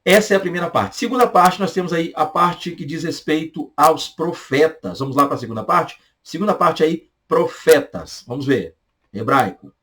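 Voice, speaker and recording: Man drilling Hebrew book names slowly. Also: a little high, lively intonation, fairly bright tone. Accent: Brazilian Portuguese. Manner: drills terms slowly, repeating each word. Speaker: Bible teacher. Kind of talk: online Bible lesson.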